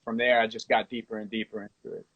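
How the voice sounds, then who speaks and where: A man in his late thirties from the United States, a musician talking through his life story in a relaxed, rambling way, on a phone during a live video call. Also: lowish voice, fast talker, dry recording. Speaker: guest musician. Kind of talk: casual interview chat. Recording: tinny phone-line audio, dry.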